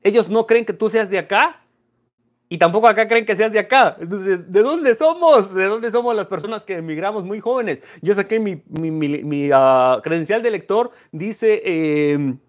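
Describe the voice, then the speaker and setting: A man's voice: sits high, expressive, normal speed. Mexican man, casual vlog talk. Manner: conversational and reflective, uses Spanglish words. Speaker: numismatics vlogger.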